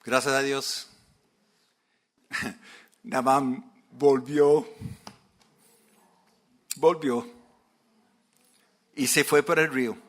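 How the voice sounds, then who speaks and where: A man preaching a sermon, retelling a story in a lively way and asking the listeners questions. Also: medium pitch, very slow, long pauses.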